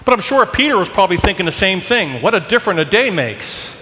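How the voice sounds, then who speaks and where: With a high, bright and forceful voice, this priest reads scripture and preaches his homily at Mass very animatedly and fast. The large church gives his words a long cathedral-like echo, and background noise can be heard.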